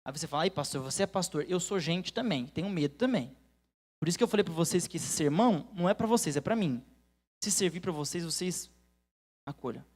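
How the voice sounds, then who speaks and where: Brief: Brazilian man, pastor, earnest sermon storytelling, loud then hushed. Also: lively intonation, a little fast. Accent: Brazilian Portuguese. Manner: earnest storytelling, swings between loud emphasis and hushed low tones. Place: church.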